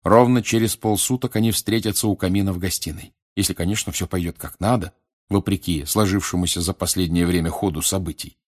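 A man narrating an audiobook in a steady, expressive storytelling manner. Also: deep voice, fairly quick. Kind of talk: audiobook reading.

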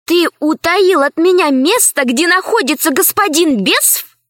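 A woman's voice: very high-pitched, a little slow, no room sound, studio quality, pitched above the performer's own voice, full character voice. A woman doing a spirited young schoolgirl. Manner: lively, demanding. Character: bold, spirited schoolgirl heroine. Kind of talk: audiobook character voice.

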